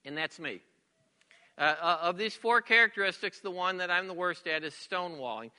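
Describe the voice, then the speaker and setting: A middle-aged man preaching a sermon as a pastor, telling stories that swing from loud emphasis to soft, hushed lines. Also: high-pitched, moderate pace. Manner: storytelling, shifts between loud emphasis and soft near-whispers. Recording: long reverb of a large hall.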